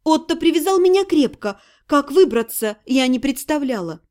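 A woman narrating a first-person fantasy audiobook in an expressive, measured way. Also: high voice.

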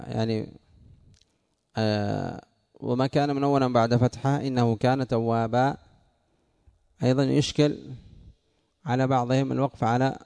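This Arabic morphology lesson is taught by a man whose mid-range voice is gravelly yet mellow, clear, and resonant. He explains the rules one step at a time and checks his students by quizzing them.

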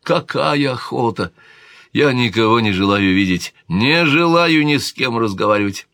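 A man's voice: medium pitch, animated, moderate pace, fairly bright tone, dry recording, clean studio sound. A man voicing a hot-tempered young king who snaps irritably in an audiobook reading. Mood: sulky. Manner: irritable, curt.

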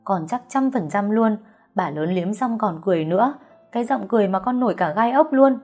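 A woman's voice: mid-range voice, expressive, a little fast, a little mellow, faint music behind, voice pushed up, lightly acted. A woman voicing a frightened, chatty young housemaid, talking in breathless, fretful bursts.

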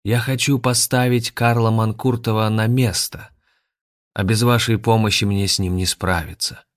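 A man's voice: lowish voice, fairly even intonation, normal speed, pitched above the performer's own voice, natural voice. A man voicing a scheming villainous male grandmaster who leads a cult, venomous and commanding. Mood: sly, mocking.

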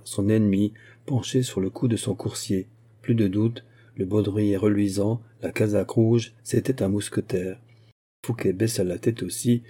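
Male audiobook narrator, low-pitched and husky, steady dramatic reading. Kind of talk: audiobook narration of a classic novel.

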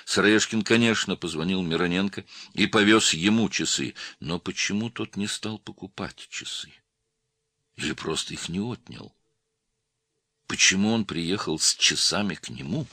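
A man narrating an audiobook in a steady storytelling manner. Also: low-pitched, normal speed, no echo, clean studio sound. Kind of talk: scripted narration.

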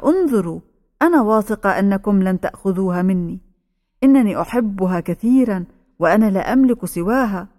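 A woman's voice: medium pitch, darkish tone, natural voice. A woman voicing a desperate old mother, a recluse who shields her daughter and pleads with soldiers in an audiobook. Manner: pleading, frantic cries.

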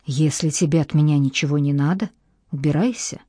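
A woman's voice: low voice, fairly quick, mellow, husky, no room sound, studio quality, pitched below the performer's own voice. A woman voicing a cold, harsh grown man. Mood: cold, hostile. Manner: curt and hostile. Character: harsh, cold adult man, bitter ex-convict.

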